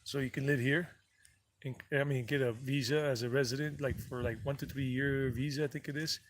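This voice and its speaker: Talking a little fast with fairly even intonation, this mid-range male voice belongs to an English-speaking travel vlogger outside on a mountain property. His casual livestream chat wanders off topic, circles back to repeat figures, and self-corrects along the way.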